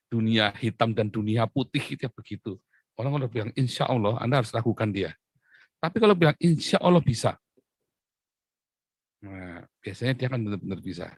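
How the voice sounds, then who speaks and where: A man's voice: mid-range voice, no echo. A man preaching a humorous sermon, acting out little dialogues and laughing often.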